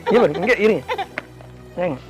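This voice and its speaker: A man's voice: high voice, expressive, fairly quick, dull audio. A man hosting a prank video, coaxing and apologizing over and over with nervous laughs. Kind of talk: casual pleading apology. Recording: loud background music.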